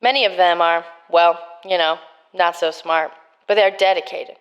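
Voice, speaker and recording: A woman's voice: on the low side, fairly even intonation, normal speed, smooth, lo-fi sound, close to an everyday voice. A woman voicing a hardened male prison gang captain in a murder mystery game, trying for a Boston accent that keeps slipping. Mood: tough.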